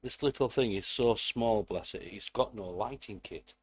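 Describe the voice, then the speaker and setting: A man's voice: fairly low pitch, moderate pace, slightly rough, no echo. A British man giving a casual hands-on build tutorial in a rambling, self-deprecating way with playful asides. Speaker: hobbyist presenter.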